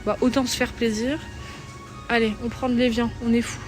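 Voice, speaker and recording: A woman from France, livestreaming while out in town, chatting excitedly to her viewers into a handheld phone. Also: on the high side, normal speed, music in the background. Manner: chatty, excitable, talks straight to her chat. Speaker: IRL livestreamer. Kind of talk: casual live stream chat. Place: out on town streets and in shops.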